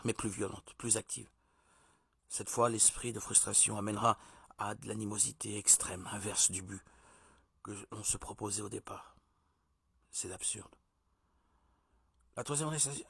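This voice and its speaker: A man giving a measured, deliberate religious teaching, like a sermon. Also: fairly low pitch, gravelly, fairly bright tone, husky, no echo. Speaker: preacher.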